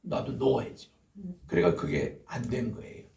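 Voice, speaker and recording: An older man, a pastor, preaching a sermon with lively storytelling and acted-out scoldings. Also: a bass voice, normal speed, vocal fry. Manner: animated storytelling, acting out scolding voices. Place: church sanctuary. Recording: echoey church hall from far off.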